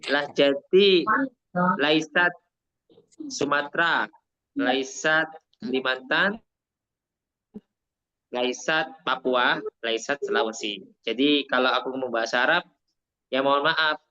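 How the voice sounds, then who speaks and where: Over dull audio, a man from Indonesia teaches Arabic in an online lesson, his Javanese accent clear in a mid-range voice that sounds pushed and bright. He alternates between Arabic and Indonesian, repeating phrases slowly as he explains.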